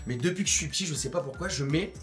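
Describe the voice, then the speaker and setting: A young man co-hosting a casual, jokey chat, playful and quick to tease. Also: on the high side, a bit bright, faint music behind. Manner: playful, jokey, breaks into song. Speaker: co-host.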